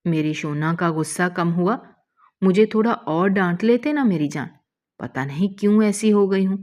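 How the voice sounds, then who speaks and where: A woman reading a gentle, devoted young wife. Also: mid-range voice, natural voice. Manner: soft, coaxing, affectionate. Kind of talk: emotional story reading.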